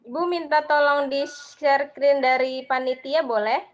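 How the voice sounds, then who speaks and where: A woman's voice: high voice, fairly even intonation, a little slow. A woman explaining material as the speaker of an online lecture on a video call.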